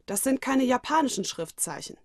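A woman playing a grumpy teenage schoolboy, quick-tempered, storybook reading, dry. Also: high voice, lively intonation, no room sound, voice pushed up. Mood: puzzled. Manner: grumpy, easily angered. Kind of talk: audiobook reading of fan fiction.

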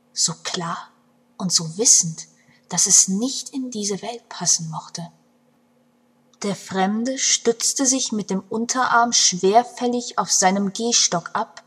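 A woman reads a story aloud in a breathy, mid-pitched voice. Her narration is expressive, dropping into hushed passages and rising strongly at dramatic turns. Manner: expressive, with swings between hushed and loud passages.

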